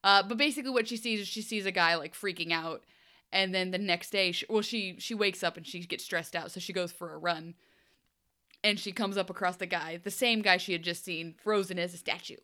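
A young woman co-hosting a podcast, recapping a TV episode in casual chat, animated and chatty with playful asides. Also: fairly low pitch, brisk. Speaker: podcast co-host.

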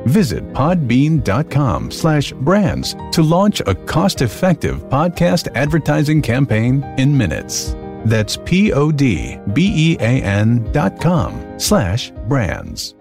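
A man reading a scripted promotional ad in a smooth sales manner. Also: mid-range voice, huge pitch swings, slow, darkish tone, soft background music. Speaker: ad announcer. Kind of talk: scripted ad read.

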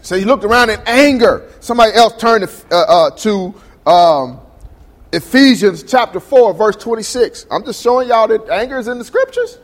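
Male pastor, very high voice, call-and-response sermon, long church reverb. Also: very animated, normal speed. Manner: call-and-response preaching, asks the congregation questions. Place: church sanctuary.

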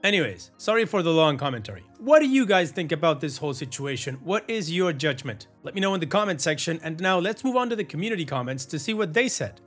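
High-voiced blunt male podcast host. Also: big pitch swings, fast talker, few pauses, fairly bright tone, faint music behind. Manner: blunt, opinionated, mildly sarcastic. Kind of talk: reading stories and giving commentary.

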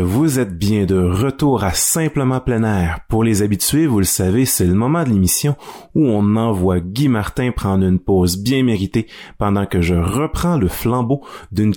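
Lowish-voiced Quebec man giving casual tips. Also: a little mellow. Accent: Quebec French. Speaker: fly-fishing instructor and show columnist. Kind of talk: casual instructional podcast talk.

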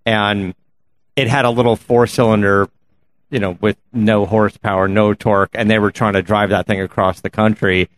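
A man's voice: lowish voice, little pitch movement, normal speed. A man chatting casually, sharing bits of car history in a conversational way. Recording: clear background noise and ambience. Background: ambient noise.

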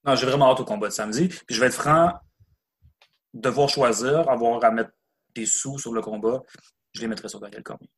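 A man whose pitch sits in the ordinary middle range for a man. He speaks in a relaxed, conversational way, agreeing and putting questions to his co-host. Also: brisk. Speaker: MMA podcast co-host. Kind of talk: casual sports chat.

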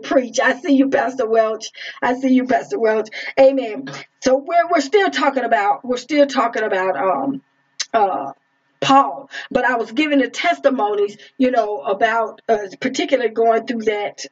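A middle-aged woman preaching an informal streamed sermon, repeating her phrases and speaking straight to her listeners. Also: fairly high pitch. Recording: dull lo-fi stream audio.

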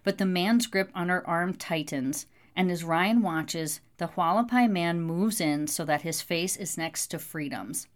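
A woman reading an audiobook in steady scripted narration. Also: fairly low pitch, a little slow, few pauses.

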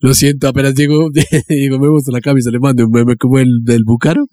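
A man's voice: mid-range voice, level tone, fast talker, dark tone, no room sound. A Colombian man co-hosting a podcast, playful and laughing easily in casual chat on a phone mic. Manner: playful, laughing between remarks. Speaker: podcast co-host.

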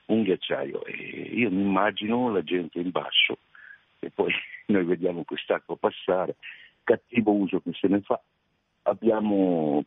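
A man's voice: low-pitched, slightly rough, dry recording. A man in his eighties calling in to a radio show by phone, rambling and chuckling as he talks. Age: 80s. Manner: rambling, chuckling, restarts mid-thought. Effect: over the phone. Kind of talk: casual call-in chat. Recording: narrow dry phone line.

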